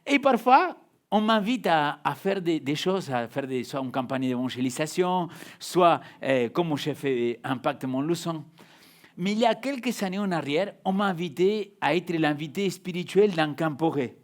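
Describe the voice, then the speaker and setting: A young adult pastor preaches a sermon in French with a non-native accent. His slightly high voice is expressive and moderately paced, swinging emphatically between loud and hushed as he repeats words.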